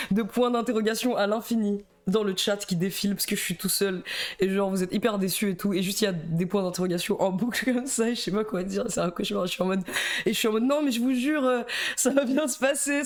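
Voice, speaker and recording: A young man with a Belgian French accent, chatting nervously and rambling on a live stream, stammering and laughing. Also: high voice. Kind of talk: casual live stream chat.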